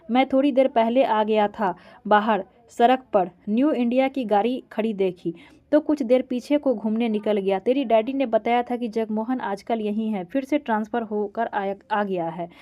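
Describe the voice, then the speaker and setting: A woman's voice: fairly high pitch, moderate pace, dull audio, natural voice. A woman reading the part of a concerned middle-aged man, an old family friend, from a script. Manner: read aloud plainly from a script.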